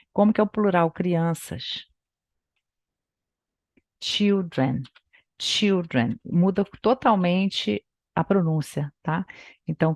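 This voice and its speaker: A Brazilian woman, a native Portuguese speaker, teaching English by reading a book aloud and explaining it in Portuguese, with slow, careful pronunciation drills. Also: fairly low pitch, dry recording, clean studio sound.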